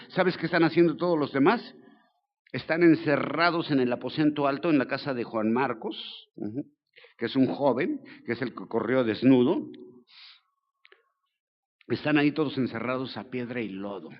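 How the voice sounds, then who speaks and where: An older man with a Mexican accent preaching a sermon as pastor, colloquial and joking, telling the story with lively slang. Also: mid-range voice, normal speed, muffled recording. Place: church.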